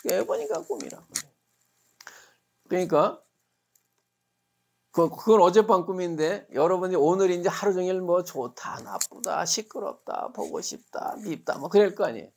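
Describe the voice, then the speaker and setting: A man's voice: sits high, animated, moderate pace, gravelly. A male Buddhist monk giving a dharma talk, telling it vividly with rhetorical questions and acted-out quotes. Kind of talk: sermon.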